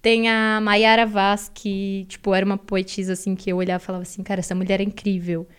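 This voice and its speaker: A woman's voice: mid-range voice, flat delivery, quick pace, clear, resonant tone. A young woman, a poet guest telling stories in a casual podcast chat, animatedly quoting herself.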